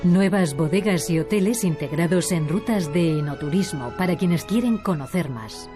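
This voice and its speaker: A woman reading scripted documentary narration in a calm, measured manner. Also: on the low side. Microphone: studio voice-over. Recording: voice-over with music behind.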